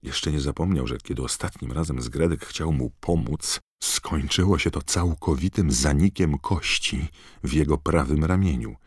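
A man reading a storybook aloud with an expressive, dramatic delivery. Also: very deep voice, normal speed, breathy edge, no echo, studio quality. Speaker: audiobook reader. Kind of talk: storybook narration.

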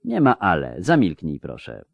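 A man plays a stern young sorceress who cuts in sharply and curtly. His deep voice swings widely in pitch. The sound is dry and close, from a fantasy audiobook. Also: huge pitch swings, normal speed, vocal fry, dry recording, muffled recording, exaggerated voice. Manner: sharp, curt.

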